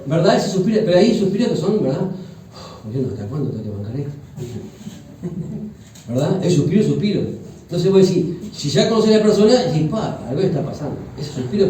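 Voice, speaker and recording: A male pastor with a Uruguayan accent gives a relaxed, joking sermon, his voice a touch high and mellow. He is miked from a distance in a church hall full of echo, with faint ambience behind him. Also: slight background noise. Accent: Uruguayan Spanish. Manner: joking, conversational, asks the congregation questions. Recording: echoey church hall from far off.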